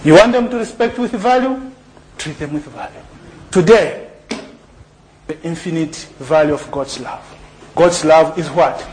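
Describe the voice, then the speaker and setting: A middle-aged preacher from Zambia delivers a sermon in a high, lifted voice. He keeps tossing questions to the congregation and lets them supply the answer. The archived church recording carries a faint hiss underneath. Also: measured pace, pauses often, a little mellow, rough recording. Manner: call-and-response questions to the congregation. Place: church hall.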